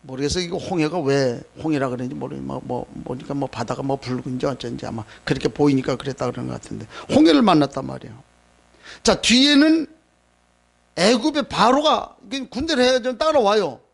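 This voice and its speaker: A man preaching a Sunday sermon in Korean, retelling scripture in a conversational, animated way and acting out the quoted lines. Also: on the high side, brisk, vocal fry. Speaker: pastor.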